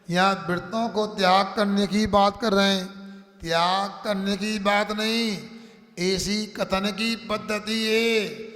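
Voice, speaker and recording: A man's voice: high-pitched, fairly bright tone. A man, a Jain monk, giving a sermon class, constantly quizzing his listeners and using homely everyday examples. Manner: keeps quizzing the audience. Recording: echoey hall reverb.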